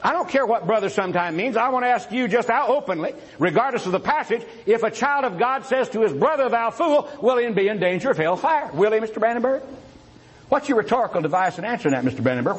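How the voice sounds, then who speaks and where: High-voiced man debating combatively. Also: lively intonation, quick pace, rough recording. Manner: combative, rhetorical questions, taunting opponent. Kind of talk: formal religious debate speech.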